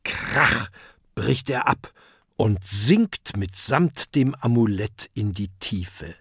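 A storyteller reads a children's adventure at an unhurried pace, with a lively, rising and falling melody. The sound is dry and close to the mic. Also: mid-range voice, breathy edge, dry recording. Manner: expressive, dramatic storytelling. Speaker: audiobook reader. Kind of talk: children's audiobook narration.

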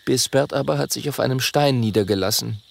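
A man narrating a children's audiobook with lively, expressive storytelling. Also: mid-range voice, brisk, creaky.

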